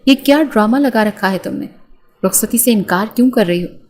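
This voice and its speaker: Woman reading a furious bossy young husband, audio novel, barking orders, mid-pitched. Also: animated, darkish tone, close to an everyday voice. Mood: angry, commanding. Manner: commanding, threatening.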